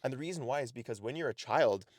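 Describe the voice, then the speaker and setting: A man's voice: mid-range voice, expressive, fast, no room sound, studio quality. A man from Canada giving casual life advice to camera, earnest and direct, often asking "right?". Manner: earnest, repeats "right?" and "the reality is". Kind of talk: casual motivational talk to camera. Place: outdoors in snow.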